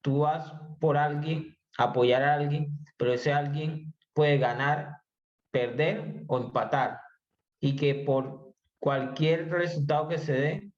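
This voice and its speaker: A man as an interview guest, explaining his views in a measured way, with frequent hesitations. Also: fairly high pitch. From Colombia. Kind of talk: conversational podcast interview. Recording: slightly muffled audio.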